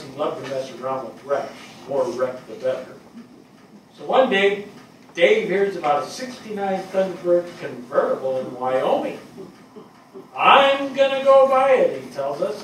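On a small theatre stage before an audience, an older male actor with a fairly high voice plays a weary, affectionate fire captain reminiscing about lost men. He tells the story conversationally, fond and amused, with pauses and repeats. The recording is very reverberant and echoey, far from the mic, with faint noise.

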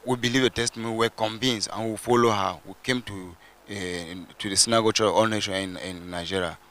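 Bright-toned young man from Cameroon. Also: on the low side, fairly even intonation, fairly quick. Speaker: church testimony giver. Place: large church stage indoors. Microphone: handheld mic.

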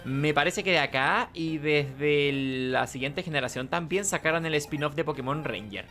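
A gaming video host with a Chilean Spanish accent gives casual playthrough commentary, repeating himself and muttering as he thinks. His voice sits on the high side, pushed and bright, at normal speed, with video game music playing behind him.

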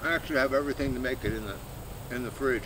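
A middle-aged man chats casually and haltingly while chewing his food, rambling with trailing pauses as he eats outdoors. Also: medium pitch. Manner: chewing and eating while talking. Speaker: vlogger. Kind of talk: casual mukbang chat addressed to one person. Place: outdoors in a shady grassy backyard. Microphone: camera a few metres away. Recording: outdoor background noise, insects, distant vehicles.

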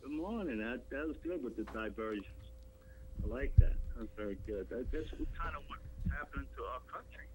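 A man's voice: medium pitch, animated, brisk, darkish tone. A man calling in to a radio show over a faint phone line, earnest and repeating his points. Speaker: caller. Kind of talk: call-in radio chat.

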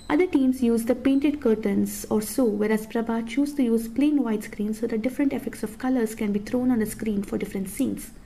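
A woman in her thirties with a Kannada accent reads a scripted, informative lecture in a formal, measured manner. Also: on the high side, dark tone. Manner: formal, measured reading from notes. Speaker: presenter.

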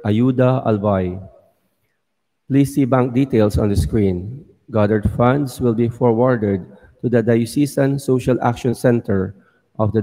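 Mellow priest in cathedral echo. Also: male voice, medium pitch. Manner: measured, formal recitation. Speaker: priest presiding at Mass. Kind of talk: liturgical prayer and announcements. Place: large church. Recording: long church hall reverb.

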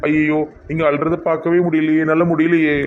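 A man's voice: fairly high pitch, little pitch movement, a little fast, narrow, tinny audio. A man in a comedy skit who pleads and apologizes to a woman. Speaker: comic suitor in a skit.

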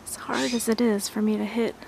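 A woman giving a casual walking tour of her backyard garden, relaxed and admiring, thinking aloud with some fillers. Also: fairly high pitch, a little fast, creaky, background noise.

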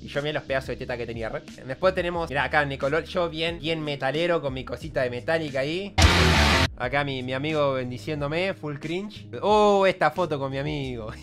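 A man's voice: on the high side, fairly quick, over loud music. A young man in his twenties with an Argentine accent, a streamer telling a crude, self-mocking story to his chat with lots of slang. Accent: Argentine Rioplatense Spanish. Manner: animated, crude slangy banter, laughs at himself.

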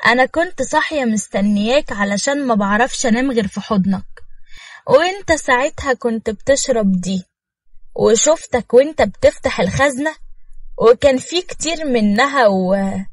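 Woman doing a young bride, Egyptian accent, tipsy, teasing, slurred, high, breathy. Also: dry recording, studio quality. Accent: Egyptian Arabic.

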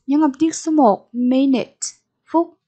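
Slow, high-voiced Vietnamese woman teacher. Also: a little mellow. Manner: repeats each word slowly, then gives the meaning and stress. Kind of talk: recorded English vocabulary lesson.

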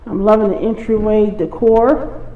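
A woman's voice: medium pitch, fairly even intonation, measured pace, phone-quality sound. A woman, short of breath as she gives viewers a casual, admiring walk-through on a handheld phone. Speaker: vlogger touring a show home. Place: walking through an empty or staged house and its yard. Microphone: handheld phone held by the person filming. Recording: echoey rooms, light background noise.

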